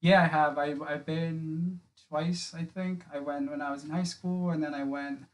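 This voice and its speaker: A young Filipino man chats casually as a podcast guest in a small home studio, wearing headphones at a studio mic on a boom arm. His fairly high, fairly even voice moves at a moderate pace, rambling with many filler "likes" and restarts. The recording is low quality.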